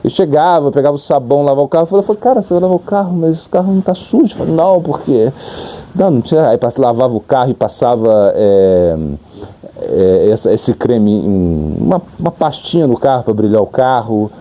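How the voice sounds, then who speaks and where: A man's voice: medium pitch, animated, a little fast, warm tone. A middle-aged man with a Brazilian accent, a monk giving an informal sermon who tells stories and acts out dialogue and sound effects. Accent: Brazilian Portuguese. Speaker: monk giving a spiritual talk.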